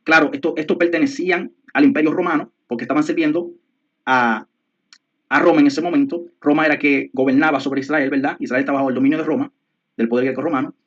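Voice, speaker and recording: A man's voice: a little high, fairly even intonation, fast, a bit bright. A man teaching the Bible like a preacher, explaining in a didactic way and repeating points for emphasis. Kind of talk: Bible teaching with scripture readings. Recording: dull lo-fi sound.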